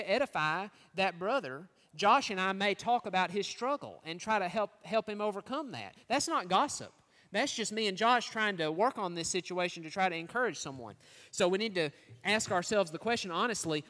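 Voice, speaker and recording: High-voiced preacher in a reverberant hall. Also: male voice, fairly bright tone. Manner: earnest teaching, asks rhetorical questions. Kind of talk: sermon.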